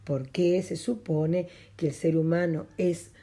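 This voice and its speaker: A woman's voice: lowish voice, fairly even intonation, slow pace, dark tone. A middle-aged woman with an Argentine Spanish accent, a language teacher patiently repeating phrases in a recorded lesson.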